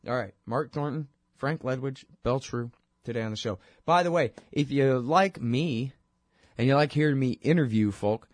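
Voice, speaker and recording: A man with a head cold hosts his own talk show, rambling sarcastically through a solo monologue segment. His voice sits in the mid range and sounds congested, and the recording is dry with studio quality.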